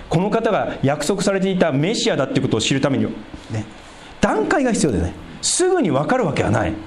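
A man preaching a sermon as a pastor, explaining scripture in a conversational way and dropping into a lower voice for asides. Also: reverberant. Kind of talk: sermon, Bible exposition.

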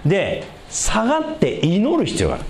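Animated male preacher with swooping pitch. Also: normal speed, a little hiss or hum. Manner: animated preaching with big pitch swings and light laughter. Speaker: pastor. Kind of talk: sermon.

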